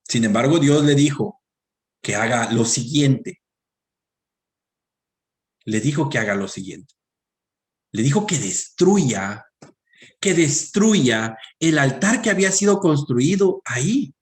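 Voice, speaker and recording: A man preaching a sermon, reading scripture aloud and speaking directly to the congregation, rising to loud emphatic peaks and dropping to quiet low asides. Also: expressive, slow, long pauses. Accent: Latin American Spanish.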